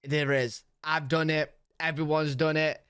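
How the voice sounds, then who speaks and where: Casual young British reaction streamer. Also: male voice, fairly high pitch, little pitch movement, a little slow, a bit bright, clean tone, no room sound, clean studio sound. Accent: British English. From Britain. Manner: casual, chatty, slangy asides.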